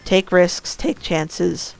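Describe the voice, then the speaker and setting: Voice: mid-range voice, animated, drawn-out words, creaky, faint music behind. A streamer giving casual commentary over a board game, talking to themselves with muttered asides. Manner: talks to self about the game, muttered asides.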